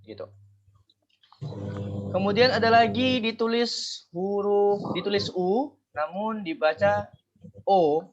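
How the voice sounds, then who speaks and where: Male teacher, slightly high voice, step-by-step explaining, dull lo-fi call audio. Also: slow pace, pauses often, noisy background. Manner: explains step by step, self-correcting often. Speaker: Japanese language teacher. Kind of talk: online class lesson.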